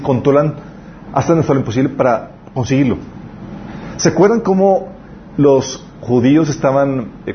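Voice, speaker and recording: A man preaches to young people in a loose, chatty way, often asking for agreement between scripture readings. The recording is a little dull and lo-fi, with a faint hiss underneath. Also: mid-range voice. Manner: conversational, asks listeners to agree. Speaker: youth pastor. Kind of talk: casual sermon with scripture readings.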